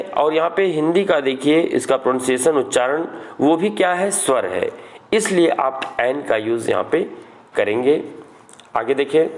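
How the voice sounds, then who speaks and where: A male teacher, explaining a grammar lesson step by step and answering his own questions. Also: on the high side. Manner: slow, explains step by step, asks questions then answers them.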